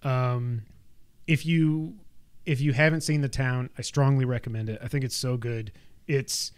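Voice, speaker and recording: A man's voice: mid-range voice, fairly even intonation, a little slow, clean tone. A man co-hosting a podcast, chatting casually and enthusiastically. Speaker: podcast co-host. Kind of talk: casual chat.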